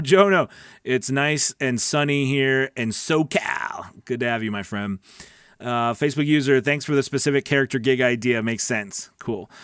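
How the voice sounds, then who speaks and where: A man running a live weekly coaching stream on voice-over work handles viewer questions casually, reading out comments and frequently making sure his audience keeps up. He speaks at medium pitch in a clean, slightly bright voice, recorded dry at studio quality.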